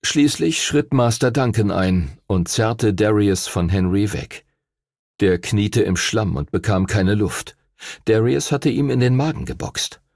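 A man narrating a children's adventure audiobook in an expressive, lively way. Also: lowish voice, a little slow, gravelly, dry recording, studio quality. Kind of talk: scripted narration.

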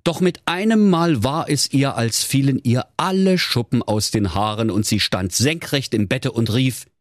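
A man's voice: mid-range voice, animated, unhurried, dry recording, studio quality. A man telling a comic fairy-tale parody in a playful, theatrical way. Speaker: narrator.

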